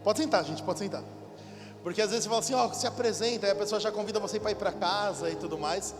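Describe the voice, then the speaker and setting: A fast-talking pastor, male and high-voiced, from São Paulo, Brazil, preaches and prays with fervor, repeatedly addressing God. The recording has reverberant hall acoustics and background music, captured in a large church hall at a conference.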